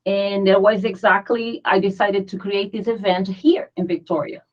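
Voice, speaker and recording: A woman's voice: medium pitch, steady tone, moderate pace. Brazilian woman chatting, dull audio. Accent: Brazilian Portuguese. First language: Portuguese. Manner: chatty and earnest, searching for words. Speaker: guest, founder of a pagan community. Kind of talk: casual interview conversation.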